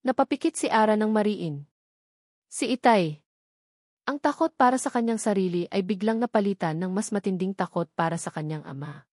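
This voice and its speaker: A woman narrates a dramatic story in an expressive mid-range voice, moving at a moderate pace with a slightly mellow quality. The recording is dry, with clean studio sound.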